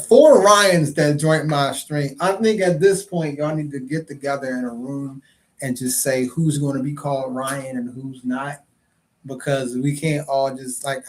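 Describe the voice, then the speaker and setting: A man's voice: medium pitch, moderate pace. A man hosting his own podcast livestream, talking loosely and jokingly in casual chat and swearing freely. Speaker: podcast host and comedian.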